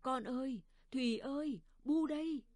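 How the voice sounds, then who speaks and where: A woman's voice: mid-range voice, animated, fairly quick, mellow, dry recording, studio quality, close to an everyday voice. A woman voicing a tired, stubborn old village mother who brushes off worry. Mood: desperate calling.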